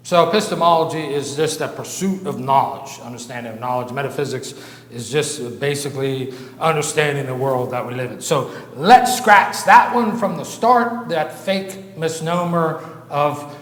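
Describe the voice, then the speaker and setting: Man, American accent, preacher, fairly high voice, stumbling earnest delivery, roomy church hall with long reverb. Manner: halting, repeats words, earnest emphatic. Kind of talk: sermon lecture.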